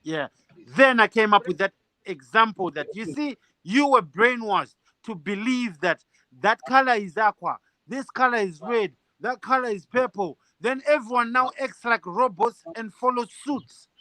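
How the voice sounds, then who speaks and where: Man, street debate, insistent, high voice, dry sound. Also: moderate pace, sharp tone, no room sound. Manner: argumentative, insistent, many fillers. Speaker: street interviewer.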